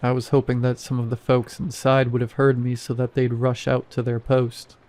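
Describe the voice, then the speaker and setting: A man's voice: mid-range voice, monotone, moderate pace, darkish tone, natural voice. A man voicing a weary wall guard who tells his own account in a plain, casual way with offhand asides. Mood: uneasy. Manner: plain first-person retelling, casual asides.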